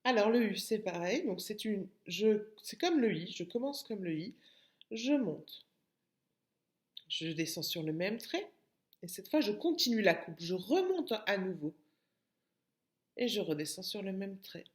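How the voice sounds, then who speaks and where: A woman's voice: mid-range voice, sing-song, unhurried, long pauses, echoey room. A woman with a French accent teaching young children in a recorded remote lesson, patiently repeating words and splitting them into syllables. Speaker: kindergarten teacher.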